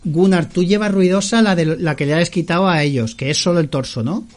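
A man running a tabletop game as game master, with a fairly high-pitched voice. He explains rules at length and keeps checking in with his players. Now and then he laughs along with the table. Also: fairly quick.

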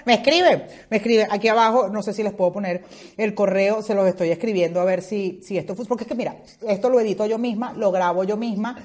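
A woman with a Venezuelan accent hosting her own podcast, chatting in an animated, joking way full of swearing and quick asides. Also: mid-range voice. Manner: animated, swearing, rapid asides and playful mock voices. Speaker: podcast host. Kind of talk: casual comedic monologue. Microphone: headphones with mic.

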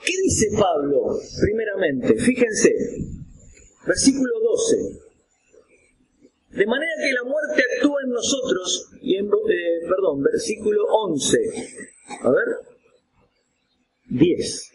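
A man with an Argentine accent preaching a sermon, acting out examples and breaking into shouts. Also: high-pitched, slow, long pauses. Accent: Argentine Spanish. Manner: animated, acts out examples with props, bursts into shouts. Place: church hall. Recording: roomy hall echo, faint ambient noise.

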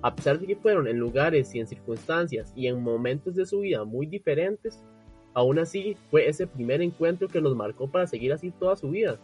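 Male co-host, higher pitch, earnest segment intros, soft music behind. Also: lively intonation, normal speed, breathy edge. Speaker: podcast co-host. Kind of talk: scripted program hosting.

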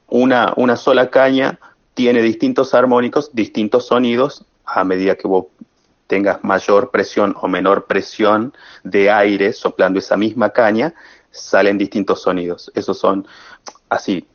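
Slow, hesitant man. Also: lowish voice. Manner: slow, hesitant, many fillers. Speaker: guest musician. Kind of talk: interview answers. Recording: muffled lo-fi audio.

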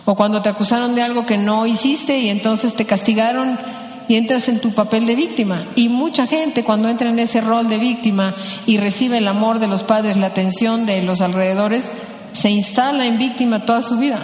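Mexican woman motivational speaker, lively and playful, recorded in a big reverberant hall. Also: a little high, moderate pace. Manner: animated, acts out voices in quotes. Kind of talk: motivational talk to an audience. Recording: echoey hall with long reverb.

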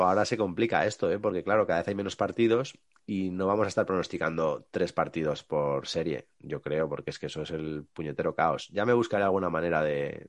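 A man with a Spain Spanish accent, co-hosting a casual sports podcast, lively and teasing, his voice rough today. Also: sits low, dry recording. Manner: lively, teasing, rattles off predictions. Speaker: podcast co-host.

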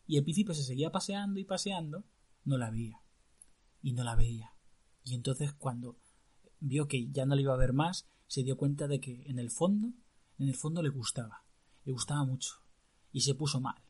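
Husky, lively male storyteller. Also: mid-range voice. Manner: lively, earthy, colloquial. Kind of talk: oral folk-tale telling to a listener.

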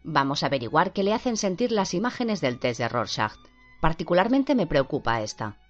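Un médico frío y autoritario, leído por una mujer. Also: female voice, deep voice, very animated, a little fast. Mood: clinical. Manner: curt, commanding. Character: cold, authoritarian male doctor. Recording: dull lo-fi with faint music.

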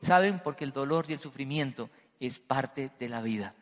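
A man preaching a sermon to a congregation, swinging between loud emphasis and quiet, hushed lines. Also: medium pitch, moderate pace. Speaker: pastor. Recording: long hall reverb.

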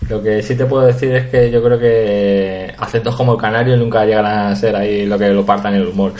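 A man in a casual comedy chat, making dry, deadpan remarks. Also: lowish voice, brisk.

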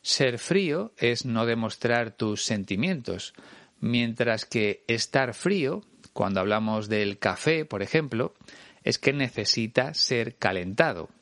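A male teacher with a Spain Spanish accent works through a lesson, patient and clear as he talks straight to the listener. His voice sits at an ordinary middle pitch. The sound is dry and close, with no room around it. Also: lively intonation, slow pace, fairly bright tone, dry recording. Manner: patient, clear and explanatory, addressing the listener directly. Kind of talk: explanatory language lesson.

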